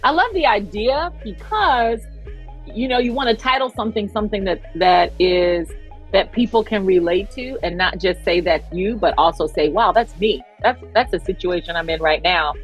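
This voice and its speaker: A woman interviewing two podcast hosts in a casual, upbeat way, affirming them often between questions. Her voice sits at an ordinary pitch, with faint music in the background. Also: normal speed, highs cut off. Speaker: podcast guest host.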